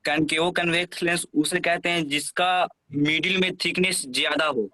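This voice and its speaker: A man's voice: fairly high pitch, steady tone, moderate pace, sharp tone. A male student giving his answers to the teacher during an online class, polite and addressing him as sir.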